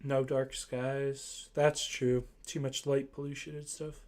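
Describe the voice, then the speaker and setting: A man's voice: mid-range voice, little pitch movement, slow pace, a little mellow. A young man from Ohio in casual chat, rambling and hesitant, full of fillers. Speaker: voice chat participant.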